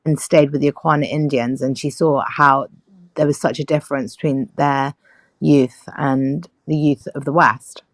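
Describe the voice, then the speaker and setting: A woman in her fifties hosting a casual talk show, a lively storyteller. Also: low voice, normal speed, no echo. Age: 50s. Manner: lively storyteller who acts out other people's voices. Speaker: host. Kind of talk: casual chat.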